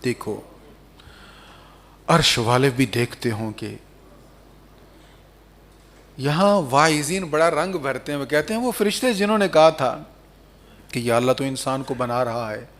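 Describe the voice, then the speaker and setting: A man giving an Islamic sermon, quoting Arabic verses and explaining them, swinging between soft tender passages and loud emphatic stress. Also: mid-range voice, pauses often. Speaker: preacher.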